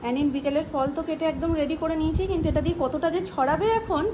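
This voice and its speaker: A young mother talks fast and high through a casual home vlog. She narrates in a chatty way, then slips into a lilting, sing-song baby talk for her little one. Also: background noise. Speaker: vlogger and mother. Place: family home.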